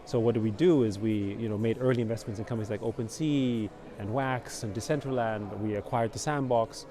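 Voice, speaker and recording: A middle-aged man from Austria, a company founder, answering interview questions in a relaxed, rambling way full of fillers. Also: lowish voice, fairly quick. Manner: relaxed, rambling, many fillers like "you know" and "basically". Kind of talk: conversational interview. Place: outdoors at a busy conference venue. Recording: crowd chatter behind. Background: crowd noise.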